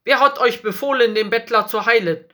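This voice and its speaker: A woman voicing stern, indignant temple priests in a storybook reading, speaking in a raised, higher voice. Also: unhurried, sharp tone. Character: stern angry temple priests, older men.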